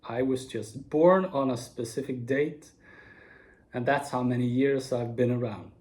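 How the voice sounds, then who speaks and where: A man in his forties giving a slow, earnest spoken reflection to camera, with soft laughs now and then. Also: mid-range voice. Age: 40s. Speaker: video speaker.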